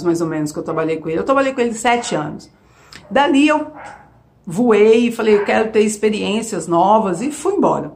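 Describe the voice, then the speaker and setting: A Brazilian woman speaks casually to her viewers in a personal vlog. Her voice sits at an ordinary middle pitch. She tells her story expressively, leaning on emphatic asides and questions she answers herself. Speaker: vlogger sharing her caregiving experience.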